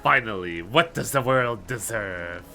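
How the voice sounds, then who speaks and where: A man's voice: lowish voice, lively intonation, measured pace, creaky, bright, forceful tone, soft background music, heavily acted. A man voicing an unhinged, grandiose cult leader villain, reading game dialogue in a strained, theatrical, ominous way. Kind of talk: dramatic read-aloud of game dialogue.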